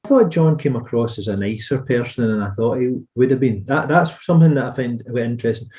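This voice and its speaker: A man's voice: mid-range voice, fast talker, warm tone. A Scottish man co-hosting a music podcast, talking casually and rambling into asides. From Scotland. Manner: chatty, rambling, trails into asides. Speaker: podcast co-host. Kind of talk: casual chat.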